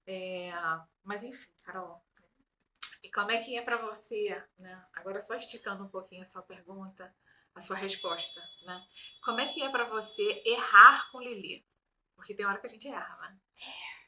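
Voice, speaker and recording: A woman's voice: mid-range voice, fairly even intonation, moderate pace, pushed and bright, poor audio. A woman hosting a casual conversation, a mother who talks reflectively and ends many phrases with tag questions. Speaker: host.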